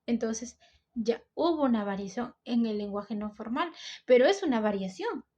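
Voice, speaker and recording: A woman's voice: a little high, animated, moderate pace, darkish tone, highs cut off. A teenage girl with a Peruvian coastal accent, explaining a school topic step by step in a video. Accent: Peruvian coastal Spanish. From Peru. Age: teens. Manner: explains step by step, often says "entonces". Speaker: student presenter.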